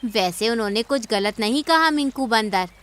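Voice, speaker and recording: A woman voicing a calm, sensible female bird auntie in a cartoon. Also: on the high side, normal speed, slight background noise. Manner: calm and reasonable.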